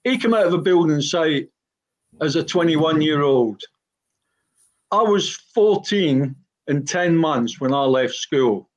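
A man's voice: fairly high pitch, expressive, slow, muffled recording. Older man, broad Glaswegian Scottish accent. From Glasgow, Scotland. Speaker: former professional footballer, podcast guest. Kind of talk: personal reminiscence on a panel talk.

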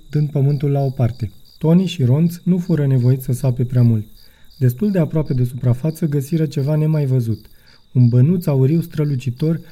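A man reading a children's audiobook as narrator, in an even storytelling manner. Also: mid-range voice. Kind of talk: scripted narration.

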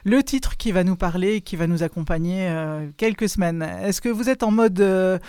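A woman hosts a radio show in relaxed conversation, often filling pauses as she talks. Her voice is smooth and crisp. The sound is dry and close, with no room around it. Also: fairly low pitch, no room sound. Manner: chatty, with frequent fillers. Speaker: radio host. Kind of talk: casual radio chat.

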